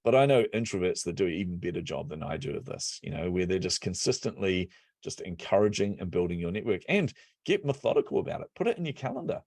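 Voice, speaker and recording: A man telling stories as a podcast guest and business coach, energetic and laughing often. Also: deep voice, fast, no echo, clean studio sound. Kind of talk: casual interview chat.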